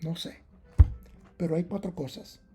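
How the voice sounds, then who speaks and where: A man's voice: a little high, unhurried, warm tone, faint music behind. A man preaching a Bible-teaching sermon, emphatic and argumentative, repeating his key points again and again. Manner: argumentative, challenges rival readings.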